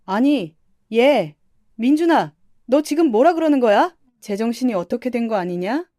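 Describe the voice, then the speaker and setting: A woman playing a shrill indignant mother-in-law. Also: a little slow, dark tone, dry recording, clean studio sound, close to an everyday voice. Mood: frantic. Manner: shrill exclaiming outbursts.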